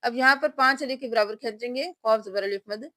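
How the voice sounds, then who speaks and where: A woman gives a tajweed lesson in Quran reading, spelling out each letter before reciting the word slowly and drawn out. Her voice is on the high side, pushed and bright, and the recording is dry.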